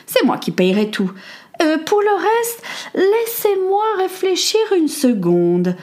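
Showy high-pitched aristocrat for an audiobook, voiced by a woman narrator, grand and playful. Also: big pitch swings, slow pace, full character voice. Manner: high, bright and sing-song, showy. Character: grand, scheming aristocratic lady, lively and theatrical.

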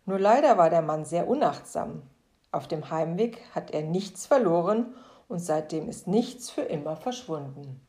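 A woman's voice: fairly low pitch, expressive, unhurried, warm tone. Woman reading a children's story. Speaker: narrator.

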